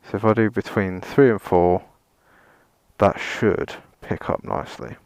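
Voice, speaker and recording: Low-voiced man vlogging casually. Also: fairly even intonation, measured pace, darkish tone, clear, resonant tone, dry recording. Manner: rambling, self-deprecating, dry sarcasm, mild swearing. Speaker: motovlogger, presenter. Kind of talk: casual vlog gear demonstration.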